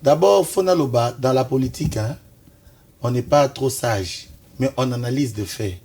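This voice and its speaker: A man's voice: medium pitch, normal speed, darkish tone, husky. A man from Kinshasa giving insistent political analysis in a talk-show debate. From Congo, Kinshasa. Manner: insistent, analytical, pushes back when interrupted. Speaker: political commentator.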